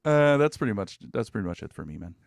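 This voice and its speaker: A man's voice: fairly low pitch, sing-song, quick pace, gravelly, no echo, studio quality. A man co-hosting a podcast, chatting casually and ramblingly about metal albums, with swearing and frequent laughs. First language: French. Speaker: podcast co-host.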